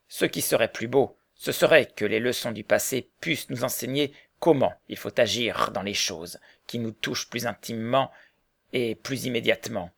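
An earnest middle-aged mill owner argues his case in a measured, serious way, as a man reads him aloud. The voice is heavily gravelly with a rough, creaky edge. It plays out like an audiobook scene. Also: medium pitch, no echo, studio quality.

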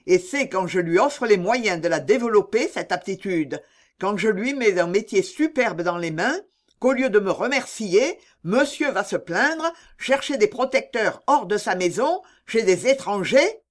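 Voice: medium pitch, lively intonation, unhurried, lightly acted. A reader voicing an irritable, domineering stepfather who scolds a boy with contempt, in an audiobook reading. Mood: scolding.

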